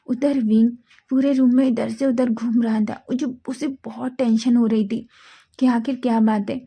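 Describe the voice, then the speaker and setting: A woman narrates a fan fiction story in a relaxed, chatty manner. Her voice is slightly high and soft-toned, mellow rather than bright. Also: normal speed, husky. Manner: casual, conversational.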